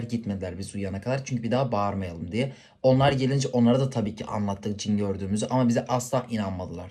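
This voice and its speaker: A man's voice: on the low side, mellow, husky. A man vlogging, telling a story casually to the camera and talking straight to his viewers. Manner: chatty, addresses viewers directly.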